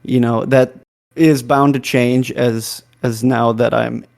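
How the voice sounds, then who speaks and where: A man's voice: medium pitch, level tone, takes it slowly, creaky, darkish tone. A man on a podcast panel, talking in a thoughtful, rambling way full of asides. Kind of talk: casual podcast chat.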